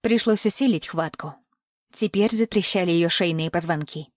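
A woman narrating a dark thriller audiobook in a measured way, slowing down at times. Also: on the low side, no room sound, clean studio sound.

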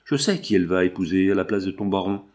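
A man's voice: deep voice, fast, a little mellow, natural voice. A man reading as a brash young showgirl. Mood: cheeky. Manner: cheeky, scolding, streetwise. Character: brash red-haired young woman, a bold showgirl. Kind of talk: audiobook reading.

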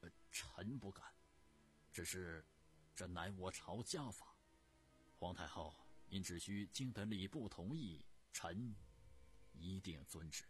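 A man's voice: low voice, expressive, slow, faint music behind. A man doing a firm, deferential old-court prince. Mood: respectful. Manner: deferential but insistent. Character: dutiful, firm middle-aged prince.

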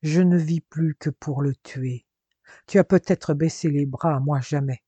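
A man's voice: a little high, fairly even intonation, unhurried, warm tone, husky, dry recording, lo-fi sound. A man voicing a grieving young man set on revenge, speaking with fierce determination. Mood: determined. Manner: intense, determined.

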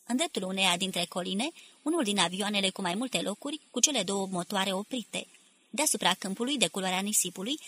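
A woman narrating a novel as an audiobook, lifting her voice for the characters' shouts. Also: medium pitch, breathy edge. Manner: lively, raising her voice for quoted shouts.

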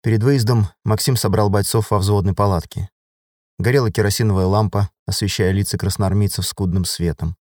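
A man narrating an audiobook in a steady, even storytelling voice. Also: on the low side, a little fast, dry recording, studio quality. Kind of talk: scripted narration.

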